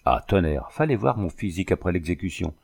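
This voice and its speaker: A swaggering old sea dog spins his tall tale in a low, gravelly voice, as a narrator puts him on. He swears by thunder and the devil as he boasts. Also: sing-song, brisk, darkish tone, exaggerated voice. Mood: boastful. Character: boastful old Irish sailor, rough talker.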